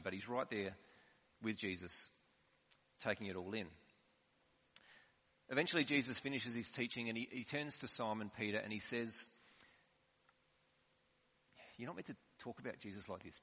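A man's voice: on the low side, bright, forceful tone, husky. A man preaching a sermon in a conversational, explanatory way. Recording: long hall reverb.

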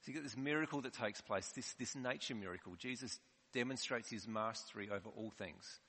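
A man's voice: medium pitch, brisk, bright, forceful tone, slightly rough. A man preaching a sermon in a conversational, explanatory way. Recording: long hall reverb.

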